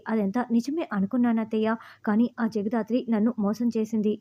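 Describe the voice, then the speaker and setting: A woman's voice: a little high, warm tone. Woman recapping a serial, dull recording. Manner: reads characters' lines in quotes with small lifts in voice.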